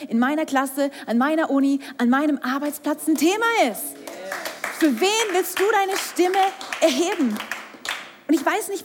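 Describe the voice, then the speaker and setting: A young woman preaching a sermon, speaking with emphasis, asking rhetorical questions and sometimes dropping to a whisper. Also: high voice. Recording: hall with long reverb.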